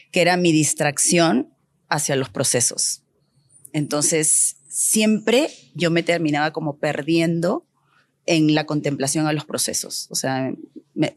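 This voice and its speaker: A woman from Peru, a designer being interviewed, telling her story in a lively, candid way. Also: low-pitched, dry recording. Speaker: guest designer. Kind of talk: casual interview chat.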